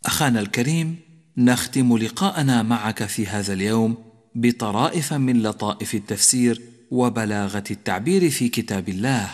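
Man, recitation teacher, measured explanations, slow chanted example words, long reverb. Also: medium pitch. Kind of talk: televised tajweed lesson.

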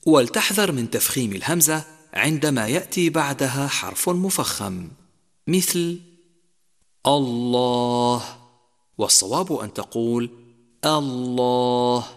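A man giving a televised lesson on Quran recitation rules, chanting example words slowly and drawn-out. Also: mid-range voice, expressive, breathy edge. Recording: long hall reverb.

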